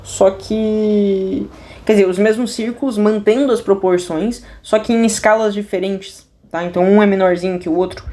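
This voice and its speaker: A woman's voice: medium pitch, steady tone, moderate pace, dark tone. Joking Brazilian woman teaching math. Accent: Brazilian Portuguese. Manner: slangy, joking, talks straight to viewers; restless, many restarts and asides. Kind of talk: casual video math lesson. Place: at a desk indoors.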